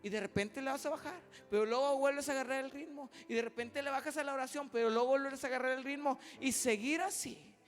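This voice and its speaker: A young man preaching to a youth service, fervent, swinging from loud exhortation to a soft prayerful appeal. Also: very high-pitched, a little fast, hardly any pauses. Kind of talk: sermon with altar call. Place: church hall. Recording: reverberant church hall with music. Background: soft instrumental music.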